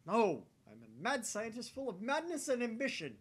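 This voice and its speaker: A man's voice: very high voice, wildly swooping pitch, moderate pace, slightly rough, pitched above the performer's own voice, exaggerated voice. A man voicing a grandiose, ranting young mad scientist in a visual novel, with pompous, manic declaiming. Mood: manic, defiant.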